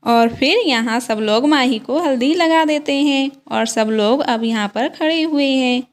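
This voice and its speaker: Woman narrator, doll story, very high voice, inviting tone. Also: a little slow. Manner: inviting, addresses viewers.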